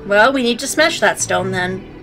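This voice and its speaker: A woman narrates a story game as a let's play host. Her medium-pitched voice is playful and sassy as she reads and comments. Faint music plays behind her. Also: expressive, moderate pace, fairly bright tone, rough recording. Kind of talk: reading game narration aloud with joking commentary.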